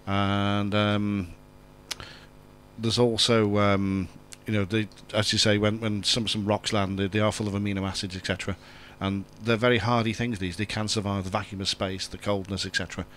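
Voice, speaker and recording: Low-voiced, halting man in radio discussion. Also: level tone, fairly bright tone. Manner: hesitant, halting explanations full of repeats. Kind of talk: casual unscripted discussion. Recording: background noise and hum.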